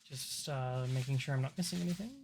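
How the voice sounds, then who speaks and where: A man narrating a tabletop roleplaying game as game master in a casual, halting way. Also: medium pitch, darkish tone, slight background noise.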